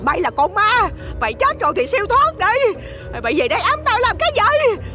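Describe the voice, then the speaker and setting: A man's voice: very high voice, huge pitch swings, fairly quick, voice pushed up, exaggerated voice. A man voicing a hysterical, terrified old village gossip woman who sobs and shrieks, in a story reading with music. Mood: frantic cursing. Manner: shrieking, sobbing, begging then cursing.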